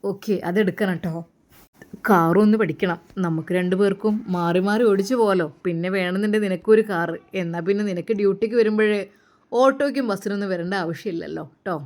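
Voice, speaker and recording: A woman's voice: mid-range voice, quick pace, close to an everyday voice. A cheerful young doctor husband, affectionate and coaxing, his voice sitting in an ordinary middle range , as a woman voices him. He speaks with a Malappuram Malayalam accent. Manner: warm coaxing questions, affectionate.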